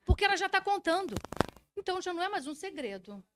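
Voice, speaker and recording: A woman psychologist giving an animated talk, explaining with rhetorical questions. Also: very high-pitched, fast talker, background noise. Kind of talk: talk to an audience.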